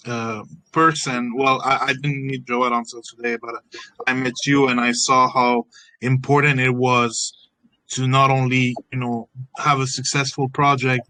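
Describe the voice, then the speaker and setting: A man's voice: medium pitch, pushed and bright, no room sound, poor audio. A man from Morocco, hosting an online AMA with enthusiasm, repeating words and joking. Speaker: AMA host.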